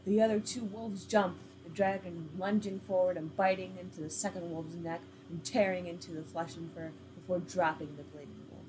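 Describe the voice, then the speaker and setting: A woman's voice: fairly low pitch, fairly even intonation, normal speed, hardly any pauses, background noise. A woman reading an interactive story game aloud, with casual, laughing asides.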